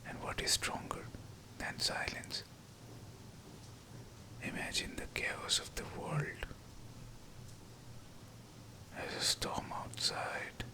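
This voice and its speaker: A man whispering a scripted pep talk of affirmations, in short, deliberate phrases. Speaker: guided affirmation narrator.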